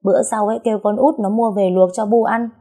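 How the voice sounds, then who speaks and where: A woman voicing a feisty, sharp-tongued young wife who teases and argues cheekily. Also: on the low side, lively intonation. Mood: feigned concern. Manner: cheeky, teasing, quick to argue.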